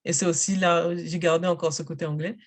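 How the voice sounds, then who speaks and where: A woman, a native English speaker, talking in a casual interview about coaching parents and adults in English, in an energetic and emphatic way. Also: lowish voice, fairly quick. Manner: energetic, emphatic, self-assured.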